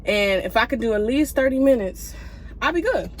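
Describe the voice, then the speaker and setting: A woman's voice: a little high, animated, normal speed, a little hiss or hum. A woman in her twenties chatting casually to the camera on a phone while walking a wooded trail, laughing often. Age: 20s. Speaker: vlogger. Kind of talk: casual vlog chat.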